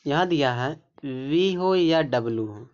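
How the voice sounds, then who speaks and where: Speaking slowly in a mid-range voice with lively intonation, a man explains English pronunciation rules one word at a time, repeatedly pointing things out. The audio has a dull, lo-fi quality.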